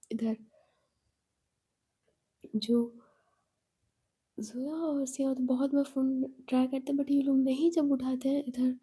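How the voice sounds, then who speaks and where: A woman telling a story in a hushed, whispered way, halting and leaning on fillers. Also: sits high, husky.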